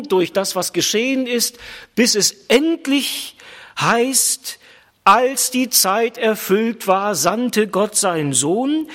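A man preaching a sermon with emphatic repetition, slowing down on key words. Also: sits high, a bit bright. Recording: long reverb of a large hall.

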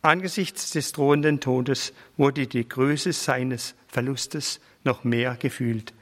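A man reading a biography aloud in a slow, measured, reverent way. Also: medium pitch, fairly even intonation, in a large hall.

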